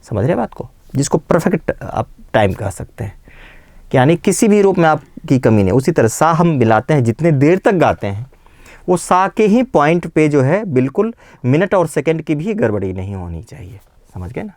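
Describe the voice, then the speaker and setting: A man teaching a singing lesson, explaining pitch patiently and often checking that his students follow. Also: darkish tone, dry recording, clean studio sound. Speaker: music teacher. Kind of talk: vocal lesson.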